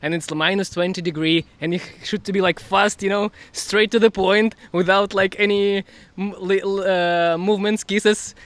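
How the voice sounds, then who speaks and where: Halting Russian-accented man, clear voice. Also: high voice, fairly even intonation, a bit bright, no echo. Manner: hesitant, halting, laughs often. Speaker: guest. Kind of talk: casual interview chat.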